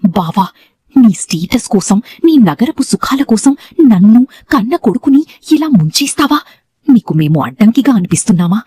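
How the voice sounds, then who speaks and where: A humble, heartbroken village wife, voiced by a female storyteller, pleading with a choking, husky voice. Her pitch climbs with each plea. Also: very animated, normal speed, warm tone.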